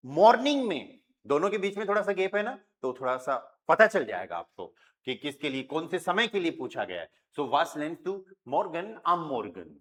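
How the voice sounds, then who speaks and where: Indian guy teaching a class, talks slow, checks if everyone got it. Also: on the high side, a bit bright. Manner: explains patiently, often checks if students understood; slowly spells out sentences word by word. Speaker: German teacher. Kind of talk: classroom grammar lesson.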